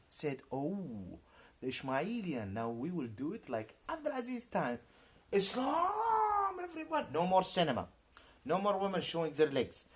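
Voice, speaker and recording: A man of about forty in a ranting YouTube monologue, halting and repetitive, swinging between shouted outbursts and low muttering. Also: husky.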